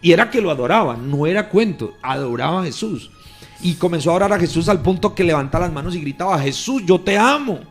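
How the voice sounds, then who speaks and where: A man, a pastor earnestly recounting a testimony on a radio program, his storytelling swelling louder at key moments. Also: on the high side, expressive, quick pace, faint music behind. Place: radio studio.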